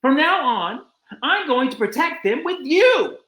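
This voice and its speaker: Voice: sits high, big pitch swings, unhurried, a bit bright, roomy sound, voice pushed up, heavily acted. A storyteller voicing a big kangaroo in a read-aloud picture book, declaring a resolve. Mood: resolved. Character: big kangaroo, grudgingly won over.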